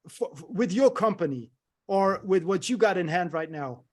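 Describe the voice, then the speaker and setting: A man's voice: high voice, lively intonation, moderate pace. A man hosting an interview over a video call, hesitant and friendly, with many fillers and non-native phrasing. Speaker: interview host. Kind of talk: conversational interview.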